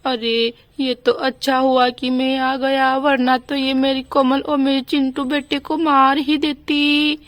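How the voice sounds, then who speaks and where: A woman voicing a village husband and father in a doll storybook, speaking in a lowered voice with a fussing, boastful manner. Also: level tone, slow, few pauses, fairly bright tone, no echo.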